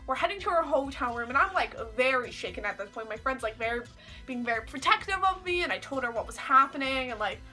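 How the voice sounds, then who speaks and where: A young woman, telling a story to camera in a chatty, animated way and saying "like" a lot. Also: sits high, poor audio. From Canada. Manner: chatty, heavy use of "like", animated retelling. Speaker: vlogger. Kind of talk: casual storytelling.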